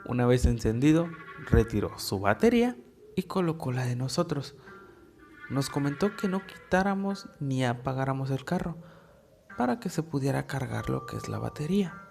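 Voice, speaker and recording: A man narrating a first-person horror story in a measured, deliberate way with dramatic pauses. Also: mid-range voice, very animated, vocal fry, darkish tone, faint music behind.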